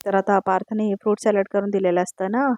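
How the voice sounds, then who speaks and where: A woman gives a casual, chatty recap of a TV serial episode, marking each quoted line with who said it and repeating "now she says" between quotes. Her voice is mid-range and darkish, her delivery flat and brisk, with no room sound.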